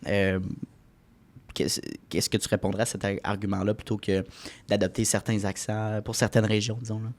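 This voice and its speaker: A man's voice: lowish voice, level tone, normal speed. A man with a Québécois French accent who hosts a podcast interview, chatty and full of fillers. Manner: chatty, many fillers and restarts. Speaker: podcast host.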